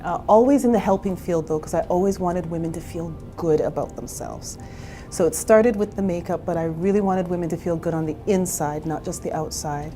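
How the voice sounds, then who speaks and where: A woman's voice: on the low side, a little fast, dark tone, soft background music. A woman in her forties from Canada, a therapist and entrepreneur, telling her own story in a candid, chatty interview. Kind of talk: personal interview.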